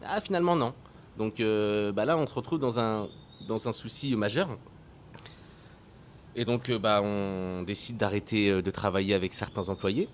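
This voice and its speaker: A French man in his thirties, an entrepreneur, speaks as a guest in a casual interview, talking frankly and conversationally with many hesitations. His voice is fairly low, his pace moderate, with slight background noise.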